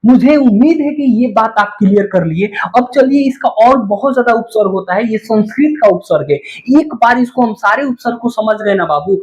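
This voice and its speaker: A man's voice: high-pitched, highs cut off. A man teaching Hindi grammar in a classroom lecture, who asks questions and answers them himself and keeps calling the listener 'babu'.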